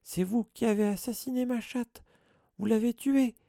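A man voicing a shrieking, vengeful old male caretaker in an audiobook, shrill and hysterical. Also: normal speed, gravelly, warm tone, dry recording, clean studio sound. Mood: furious. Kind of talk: audiobook character voice.

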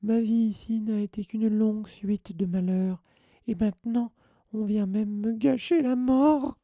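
A man voicing the touchy ghost of a teenage girl in an audiobook, wailing in a high, sobbing lament. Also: sing-song, moderate pace, gravelly, warm tone, breathy edge, no echo, studio quality, full character voice. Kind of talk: audiobook character voice.

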